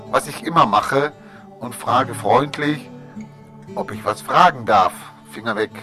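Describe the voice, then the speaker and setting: A man co-hosting a casual radio show, telling an anecdote with teasing asides to his partner. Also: on the high side. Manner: animated storyteller with teasing asides. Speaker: co-host.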